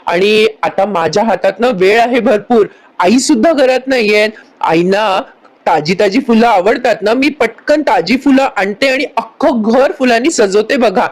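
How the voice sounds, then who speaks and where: A patient, gentle young daughter-in-law, as a woman narrator reads her in a voice-over serial recap. Soft and calm, in a near-natural voice. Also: on the high side, unhurried.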